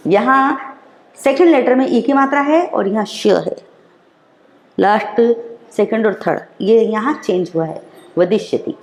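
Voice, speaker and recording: A woman teacher, explaining slowly and repeating each example in an online class lesson. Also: a little high. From India. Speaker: school teacher. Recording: roomy echo.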